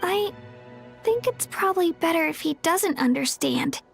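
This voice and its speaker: A woman's voice: very high voice, expressive, unhurried, gravelly, soft background music, exaggerated voice. A woman voicing a small, earnest, kind fairy companion with a girlish voice in a video game. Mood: earnest concern. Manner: earnest, gentle.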